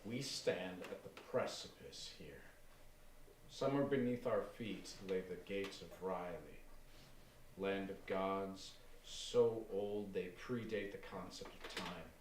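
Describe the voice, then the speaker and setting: A man playing a soft-spoken, menacing cult leader. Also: deep voice, slow pace. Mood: grandiose. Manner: soft-spoken, grandiose and chillingly composed. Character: calm, menacing middle-aged male cult leader. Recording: roomy and distant with faint noise.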